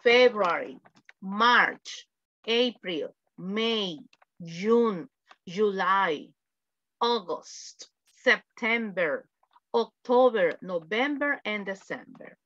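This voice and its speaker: Salvadoran woman teaching English slowly. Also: medium pitch, lively intonation, fairly bright tone. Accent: Salvadoran Spanish. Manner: slow, drawn-out English model phrases. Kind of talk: online English class. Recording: dull lo-fi audio.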